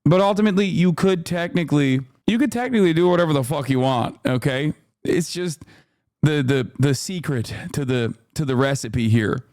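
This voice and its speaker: A man's voice: fairly high pitch, moderate pace, a little mellow, no room sound, clean studio sound. A man live-streaming political reaction commentary, talking in a profane, emphatic way and often tagging "okay?" onto his points.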